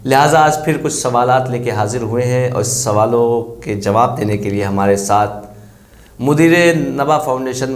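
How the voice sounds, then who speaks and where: A man's voice: medium pitch, reverberant. A man hosting a religious quiz program, introducing his guest politely and formally. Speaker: quiz show host.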